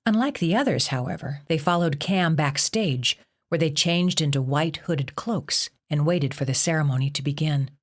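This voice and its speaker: A woman reading a psychological horror novel aloud as an audiobook narrator, steady and even. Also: sits low, moderate pace, hardly any pauses. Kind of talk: scripted narration.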